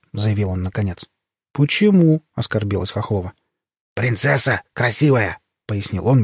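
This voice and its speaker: A man narrating a humorous story in a wry, expressive reading voice, with a husky tone. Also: on the low side, no room sound, studio quality. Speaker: audiobook narrator.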